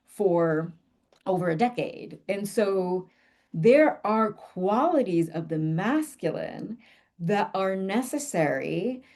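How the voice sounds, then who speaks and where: A woman's voice: medium pitch, animated, takes it slowly, a little mellow. A woman in her forties, a business coach, teaching her school in a reflective, musing way, often laughing and at times dropping to a whisper.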